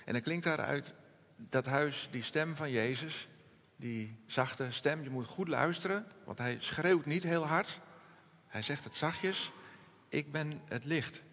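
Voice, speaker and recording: A man preaching a sermon in a gentle, reflective manner, slowing and softening his voice on quoted words. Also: fairly high pitch, long reverb tail. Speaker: pastor.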